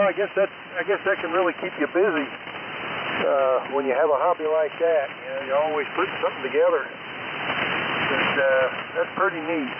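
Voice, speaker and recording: A man chatting casually on a radio net in a halting, rambling way, heard through a military radio and its microphone. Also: a little high. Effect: two-way military radio transmission. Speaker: amateur radio operator on a net. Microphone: military dynamic microphone on a field radio. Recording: narrow tinny radio link, loud static noise.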